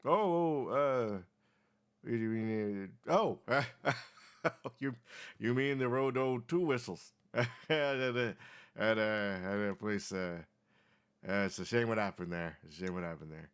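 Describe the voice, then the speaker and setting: A man voicing a very old diner keeper, muddled and folksy, who repeats himself haltingly. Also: lowish voice, clear, resonant tone. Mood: evasive, wistful. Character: very old rambling man running a roadside diner.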